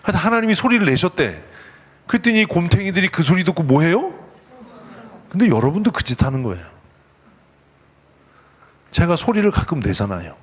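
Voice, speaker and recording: A man preaching a lively, conversational sermon as pastor, teasing his congregation and acting out the voices in the story. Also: fairly high pitch, fairly quick, long pauses, husky. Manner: playful, teasing, acts out God's voice and the congregation. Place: church sanctuary.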